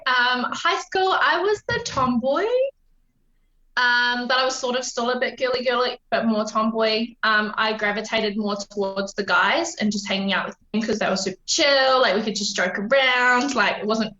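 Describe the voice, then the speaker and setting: A woman's voice: a little high, moderate pace, sharp tone. A woman in her twenties with a New Zealand accent, chatting as a podcast guest, full of ums and easy laughs. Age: 20s. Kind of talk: casual interview chat. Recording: roomy, dull lo-fi remote line.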